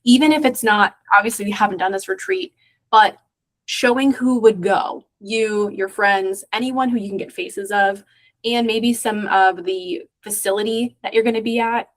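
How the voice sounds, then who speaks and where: A woman's voice: mid-range voice, moderate pace. A woman co-host encouraging and advising in a casual conversation. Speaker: co-host coach. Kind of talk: casual advice.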